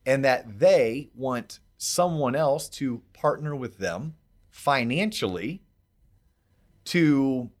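A man's voice: mid-range voice, animated, takes it slowly. A man hosting a podcast, explaining things in a casual, emphatic way and checking in with rhetorical questions. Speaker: podcast host.

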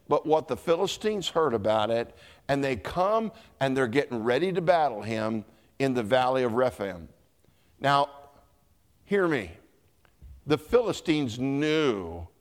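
A male pastor with a Southern US accent preaching a sermon emphatically, stretching key words and repeating himself. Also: medium pitch.

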